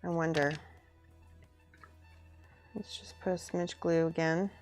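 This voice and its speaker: Woman streamer thinking out loud while crafting, lowish voice, casual n informal, faint music behind her. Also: flat delivery, slow pace. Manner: informal, thinking aloud, muttering to herself. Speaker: streamer building and painting miniature models.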